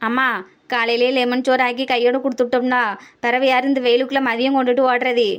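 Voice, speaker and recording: Cartoon neighbour woman, voiced by a woman, high-pitched, rapid, matter-of-fact scolding. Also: completely flat delivery, clean tone, close to an everyday voice. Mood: chiding. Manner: brisk, chiding, matter-of-fact. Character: bossy neighbour woman, older-sister type, practical. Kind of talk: cartoon comedy voice acting.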